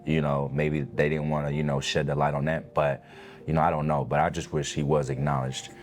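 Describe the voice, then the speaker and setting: A man being interviewed as a wrestler, talking calmly and reflectively, pausing with fillers. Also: extremely low pitch, soft background music. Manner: calm, reflective, halting with fillers.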